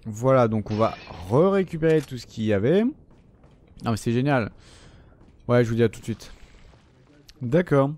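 A man's voice: medium pitch, expressive, moderate pace, long pauses, darkish tone, a little hiss or hum. A man giving casual gameplay commentary, chatting loosely, swearing often and talking to the enemies on screen. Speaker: gaming channel host.

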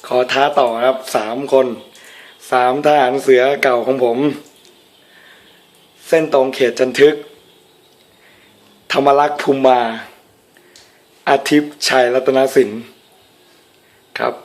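A man's voice: mid-range voice, flat delivery, takes it slowly, long pauses. A man talking casually to camera as a participant in an amateur challenge video. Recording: very noisy amateur video recording.

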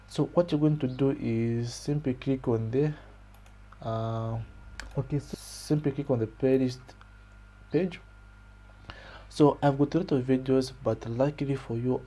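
A young Zambian man with a very dark, mellow voice explains his channel in a casual, matter-of-fact way. He keeps stringing points together with "so" and "okay". He speaks into a desk webcam in a small indoor room. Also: mid-range voice, slightly rough. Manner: plain, explanatory, with frequent "okay" and "so". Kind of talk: casual screen-share walkthrough. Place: small room indoors, pink-lit wall behind.

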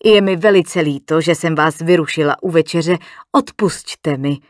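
Timid old woman with a shaky voice, low and apologetic, put on by a woman reader. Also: dry recording, studio quality, close to an everyday voice. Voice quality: trembling old voice. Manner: apologetic, hesitant. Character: frail, timid elderly woman guest.

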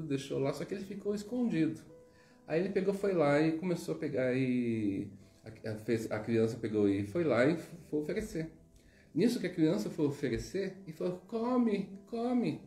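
Brazilian male teacher, casual and digressive, mellow tone, roomy echo with faint music. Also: medium pitch. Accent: Brazilian Portuguese. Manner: chatty, digressive, frequent tag questions. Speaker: spiritual teacher. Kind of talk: informal teaching with storytelling.

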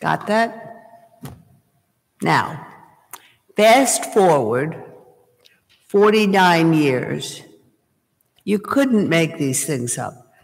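An older woman preaching a sermon from a church pulpit, telling a story at a deliberate pace. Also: low voice, animated, creaky. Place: small church, indoors, at a pulpit. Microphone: gooseneck pulpit mic. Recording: long church reverb. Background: reverberant church hall.

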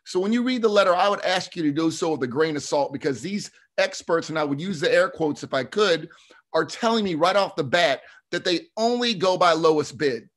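A middle-aged man with a slight lisp and slushy s sounds, presenting testimony in a halting, frank, self-correcting way on a video call. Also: a little high, lively intonation, a bit bright. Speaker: state legislator presenting a bill. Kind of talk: committee testimony, semi-formal explanation.

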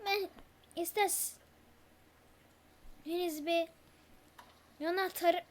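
A young-sounding gamer giving nervous horror game commentary, stammering and muttering prayers to calm down. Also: extremely high pitch, drawn-out words. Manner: mutters prayers when scared. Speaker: gameplay streamer.

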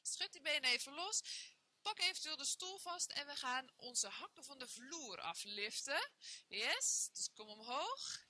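A young fitness trainer leads a workout class in a bare indoor room, exercising along while counting reps and cheering her students on. Her voice sits high, pushed and bright, in a dry recording.

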